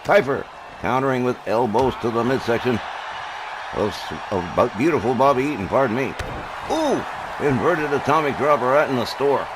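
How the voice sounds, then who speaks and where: A man's voice: medium pitch, moderate pace. A man doing play-by-play wrestling commentary, calling each move in short, clipped phrases with exclamations. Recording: clearly noisy recording.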